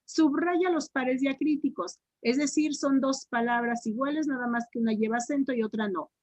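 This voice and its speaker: A woman teacher with a Mexican accent tutoring grammar online, repeating answers and sounding words out slowly syllable by syllable. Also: high voice, a little mellow, dry recording. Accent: Mexican Spanish.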